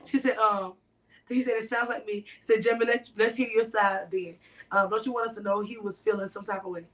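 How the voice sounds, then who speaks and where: A woman co-hosting a podcast, telling a story to listeners in a casual, animated way and talking straight to them. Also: medium pitch, a little fast, recorded from a distance, rough recording. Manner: animated, addresses listeners directly. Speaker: podcast co-host.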